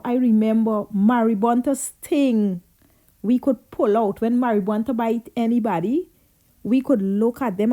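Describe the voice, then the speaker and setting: Guyanese woman reminiscing, mellow voice. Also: a little high. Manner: chatty, reminiscing, slips into Creole. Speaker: vlogger. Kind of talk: casual storytelling.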